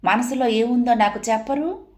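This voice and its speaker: A woman voicing a caring young wife who gently coaxes her husband, read aloud in a storybook. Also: on the high side, moderate pace, reverberant, pitched above the performer's own voice, close to an everyday voice. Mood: coaxing. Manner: soft, coaxing.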